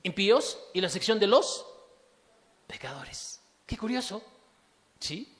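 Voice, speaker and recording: A male pastor preaching to his congregation, emphatic, full of rhetorical questions, swinging from hushed to loud. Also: high voice, sing-song, slow. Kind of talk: sermon. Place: church hall. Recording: reverberant church hall.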